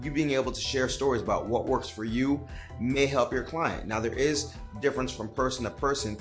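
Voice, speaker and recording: A man's voice: mid-range voice, a little fast, faint music behind. A man, a personal trainer, speaking to camera in an earnest, direct coaching manner in an advice vlog.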